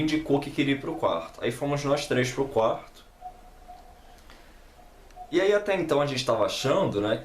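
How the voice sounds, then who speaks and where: A man with a Brazilian Portuguese accent, casually telling a personal story as a channel host, talking conversationally with lots of tag questions. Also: medium pitch. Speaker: host of a comic review channel. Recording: echoey room with faint background noise.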